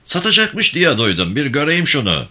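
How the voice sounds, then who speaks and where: A man's voice: on the high side, wildly swooping pitch, moderate pace, bright, forceful tone, voice pushed up, exaggerated voice. A man voicing a young rider who pushes with nosy, insistent questions. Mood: probing. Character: probing young horseman, pushy. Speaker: Hacı Nuri's son-in-law.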